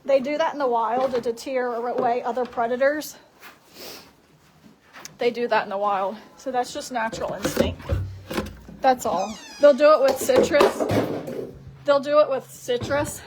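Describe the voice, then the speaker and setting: A woman's voice: a little high, a little slow, pauses often, heavy background noise. A woman chatting casually on a farm livestream and talking to her animals in a sing-song voice. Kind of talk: casual livestream chat while doing chores. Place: outdoors on a farm and in a barn.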